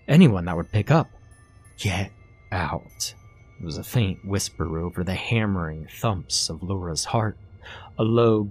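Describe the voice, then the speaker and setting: A man reading a first-person horror story aloud in a measured, somber way, over faint background music. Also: on the low side, darkish tone. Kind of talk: scripted horror narration.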